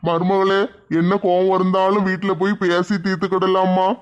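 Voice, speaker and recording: A man playing a gentle, kindly father-in-law who pleads with his daughter-in-law to come home. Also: sits high, monotone, normal speed, clean tone, natural voice. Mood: pleading. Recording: dull lo-fi sound.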